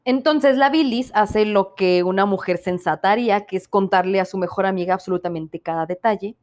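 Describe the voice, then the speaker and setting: A woman's voice: mid-range voice, brisk, darkish tone. A young woman with a Mexican accent hosting a casual podcast review, ranting irreverently with plenty of swearing and mimicking people she talks about. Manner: mimics others in put-on voices. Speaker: podcast host reviewing a series.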